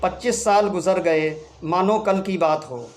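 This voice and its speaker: A woman's voice: lowish voice, unhurried, darkish tone, a little hiss or hum, natural voice. A man voicing a middle-aged wife who teases and scolds her husband fondly. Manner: scolding then fond, homely.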